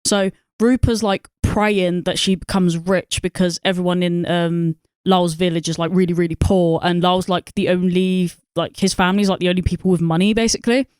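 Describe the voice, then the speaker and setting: Woman, podcast co-host, rambling, sweary, smooth clear voice, dry close sound. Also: fairly low pitch, fairly even intonation, fairly quick, hardly any pauses, darkish tone, no room sound. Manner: rambling, sweary, lots of fillers and laughs. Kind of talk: casual film review chat.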